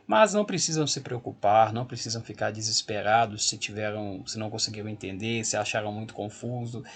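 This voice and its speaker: A man's voice: on the low side, fairly quick. A man teaching an English grammar lesson to school students, explaining patiently and repeating key points to reassure them.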